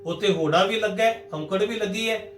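A man with a high-pitched voice teaches scripture pronunciation in a patient, methodical way. He speaks directly to his listeners. The sound is roomy and echoey. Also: brisk, a bit bright, a little hiss or hum. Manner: patient, methodical, addresses the congregation. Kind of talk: religious lesson on scripture pronunciation.

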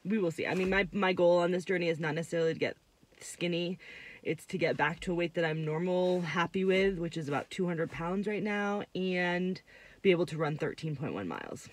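This is a casual vlog from a Vermont woman in her thirties, talking a little fast in a voice on the low side. Rambling and upbeat, she speaks into a phone right up close, in a gym hallway and later a parked car.

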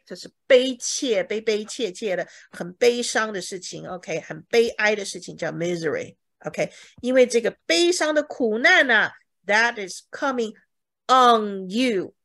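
A woman's voice: medium pitch, fairly bright tone. A woman teaching a bible English lesson in Mandarin, explaining each word and checking with her students. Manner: acts out examples dramatically.

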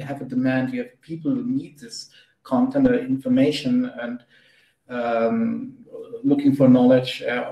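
A man with a German accent speaking as a panelist in a conference discussion over a video call, halting and searching for words. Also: mid-range voice, warm tone. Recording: roomy, distant video call audio.

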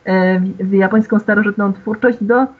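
A woman's voice: mid-range voice, fairly even intonation, normal speed. A woman giving an online lecture, explaining patiently to her listeners and hesitating often with fillers. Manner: explains to the audience formally. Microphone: video call. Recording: tinny phone-like online call audio.

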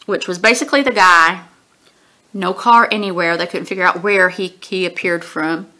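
Sniffling with allergies, a forties-aged woman rambles through a casual book review with lots of ums and throat-clearing, recorded by a webcam at desk distance indoors in a small home room. Her fairly low voice is pushed and bright, at a moderate pace.

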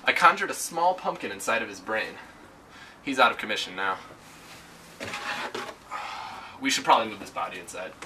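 A man's voice: lowish voice, lively intonation, fast, far from the mic, very noisy, natural voice. A young man playing a cheesy, flippant pumpkin sorcerer in an amateur comedy sketch, with a glib, showy way of talking. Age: young adult. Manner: glib, jokey, showy delivery. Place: rooms of a house. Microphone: distant camera microphone. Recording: roomy home camcorder audio, loud music.

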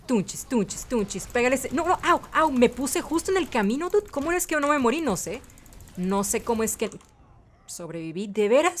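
A young woman talks through a match as a gaming channel host. Her voice sits somewhat high, and her commentary is chatty and excitable, peppered with English slang. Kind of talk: let's-play commentary.

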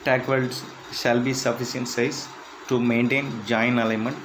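An instructor reads interview questions and answers aloud, plainly and in a measured way, though his phrasing is slightly halting. His medium-pitched voice is flat in delivery, with background noise in the recording.

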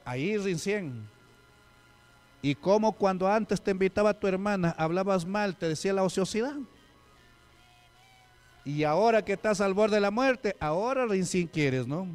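A man's voice: high-pitched, animated, normal speed, darkish tone, soft background music. A man preaching a sermon, telling a story with acted quotes and asking the congregation questions. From Peru.

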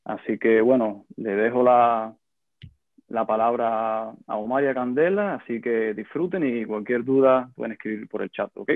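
A man's voice: medium pitch, normal speed, no room sound. A man in his twenties introducing an online talk in a casual, slightly hesitant way. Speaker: event moderator. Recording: tinny phone-like video call audio.

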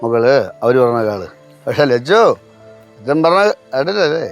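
A man's voice: medium pitch, expressive, moderate pace, faint music behind, natural voice. An actor playing a stubborn, drunk father who coaxes his daughter with doting baby talk. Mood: defiant. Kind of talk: sitcom acting.

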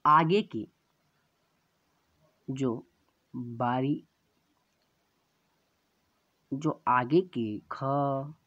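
Man teaching letters super slow, spells each sound out, dull lo-fi audio. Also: medium pitch, pushed and bright, dry recording. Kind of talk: slow classroom explanation.

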